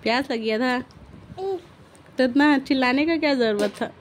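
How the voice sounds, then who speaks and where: A woman's voice: high-pitched, a little fast, a little hiss or hum. A woman filming a home vlog, alternately coaxing and scolding her small child in a bedroom. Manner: scolding and coaxing a small child, swinging between playful and stern. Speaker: mother filming her toddler. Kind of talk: casual home vlog talking to a toddler.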